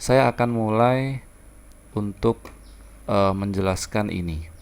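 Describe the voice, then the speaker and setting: Deep gravelly male teacher. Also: slow. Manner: explains patiently, repeats terms and uses fillers. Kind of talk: classroom lecture.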